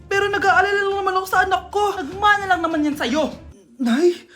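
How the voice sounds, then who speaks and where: A woman with a very high voice performs comedy skits, playing several bickering parts with big, exaggerated reactions and sudden shouts. Faint music plays behind her. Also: brisk. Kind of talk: comedic skit acting.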